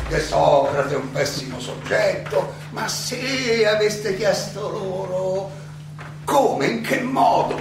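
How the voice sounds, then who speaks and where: In a very echoey, distant space an old philosopher on trial, his voice high and gravelly. He is defiant and sardonic, arguing in rhetorical questions with theatrical pauses, as in a stage play. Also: heavily acted. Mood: sardonic, indignant. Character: Socrates, defiant, ironic old philosopher defending himself at trial. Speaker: stage actor. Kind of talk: theatrical courtroom monologue.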